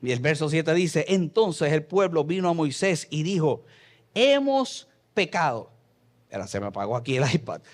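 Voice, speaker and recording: A Puerto Rican man preaching a sermon as pastor, reading scripture and swinging between loud passages and soft asides in a church. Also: fairly high pitch, big pitch swings, moderate pace. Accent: Puerto Rican Spanish. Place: church sanctuary.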